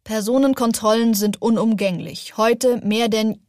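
A woman's voice: fairly high pitch, fairly even intonation, measured pace, darkish tone, no room sound, studio quality, natural voice. A woman reading the lines of a stern, cold male official in an audiobook, curt and clipped.

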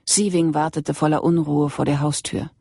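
A steady, measured audiobook narration at a middle pitch. The voice is gravelly and somewhat husky. It is recorded close and dry, with no room sound. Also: no echo. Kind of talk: scripted narration of a crime novel.

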